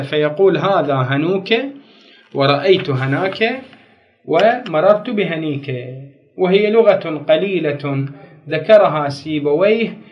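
A man giving a grammar lesson, asking the class questions and answering them himself. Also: on the high side. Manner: slows down and spells out word patterns. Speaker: grammar teacher. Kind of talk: classroom lecture on Arabic morphology. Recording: dull lo-fi recording.

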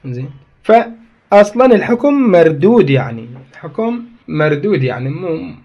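Iraqi man teaching grammar, fairly high voice. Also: big pitch swings, normal speed, breathy edge, dull audio. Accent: Iraqi Arabic. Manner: reads a text aloud, then explains and argues with it; repeats key phrases for emphasis. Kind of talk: grammar lecture.

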